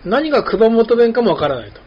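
High-voiced man, dull lo-fi sound. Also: brisk, breathy edge. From Kumamoto, Japan. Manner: relaxed, explains with examples. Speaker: podcast host. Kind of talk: casual chat. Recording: dull lo-fi sound with faint noise.

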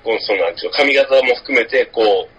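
A man's voice: mid-range voice, a little fast, pushed and bright, slightly rough, highs cut off. A man co-hosts a podcast in casual chat, thinking aloud with many fillers.

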